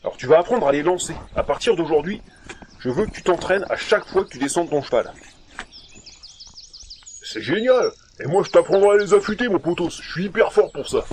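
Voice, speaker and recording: A man acting as an excitable, bossy adventurer in a fantasy audio saga, speaking in emphatic slang. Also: sits high, a little fast, a little hiss or hum. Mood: enthusiastic, instructive. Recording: music under the voice.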